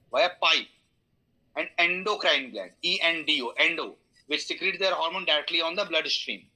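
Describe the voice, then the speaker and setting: A middle-aged man with an Indian English accent teaching an online class, explaining with everyday analogies, pausing on fillers and inviting questions. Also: on the high side, bright, forceful tone, rough recording. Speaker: instructor.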